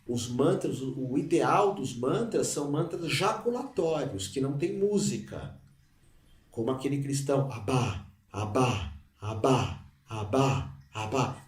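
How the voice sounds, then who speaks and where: A man's voice: on the high side, darkish tone. A man who teaches meditation in an informal, conversational way and sometimes chants single syllables. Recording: roomy, mic at a distance.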